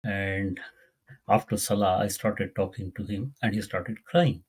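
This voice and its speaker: Male Quran teacher, low husky voice, earnest and repetitive delivery. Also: fairly even intonation, a little slow, darkish tone. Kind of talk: religious lesson.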